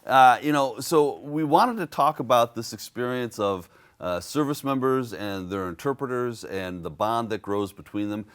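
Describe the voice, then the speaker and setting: A man hosting a public affairs interview show, asking measured questions with frequent fillers. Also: mid-range voice, clear, resonant tone. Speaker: host.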